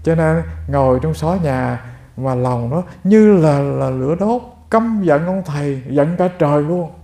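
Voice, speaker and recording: A man's voice: fairly high pitch, lively intonation, a little slow, creaky, warm tone, echoey room. A Buddhist monk giving a sermon, telling stories and speaking straight to his listeners. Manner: addresses listeners directly, storytelling. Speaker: monk giving a Dharma talk.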